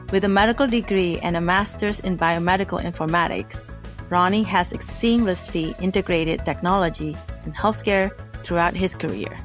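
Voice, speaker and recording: Woman host reading a formal intro. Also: lowish voice. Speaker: podcast host. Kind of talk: scripted introduction and interview.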